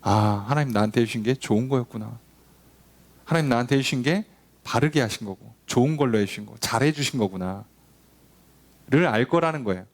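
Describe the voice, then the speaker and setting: A male pastor with a medium-pitched voice leads a Bible study at a slightly fast pace. He chats conversationally with the congregation and asks them questions. He acts out quoted dialogue between God and people.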